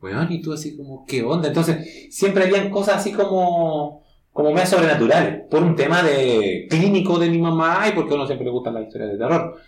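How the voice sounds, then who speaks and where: A man's voice: a little high, animated, fairly quick, reverberant. A man with a Chilean accent, telling personal stories in a casual, slangy podcast chat. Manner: conversational storytelling, slangy. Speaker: guest, horror writer.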